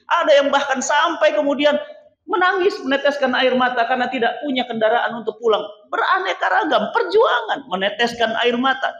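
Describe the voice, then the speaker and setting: A man preaching a sermon to a mosque congregation, animated and theatrical, acting out the voices he quotes. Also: extremely high pitch. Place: large mosque hall. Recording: echoey, dull mosque PA recording.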